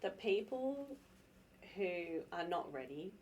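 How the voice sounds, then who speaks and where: A woman's voice: lowish voice, sing-song, slow, darkish tone, far from the mic, slight background noise. A woman co-hosting a podcast chat, thinking aloud and laughing easily. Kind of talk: casual conversational chat.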